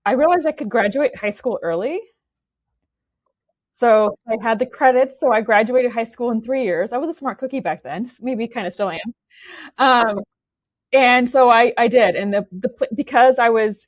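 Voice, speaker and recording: Her pitch is fairly high and the recording dry. This is a Romanian woman in her forties speaking casually as an interview guest, prone to restarting sentences and adding "okay?" at the end.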